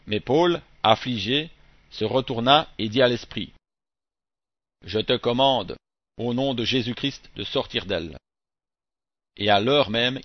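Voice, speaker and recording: A man giving a scripted Bible reading in a measured, even delivery, phrase by phrase. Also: mid-range voice, dry recording. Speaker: scripture reader. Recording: dull, dry close recording.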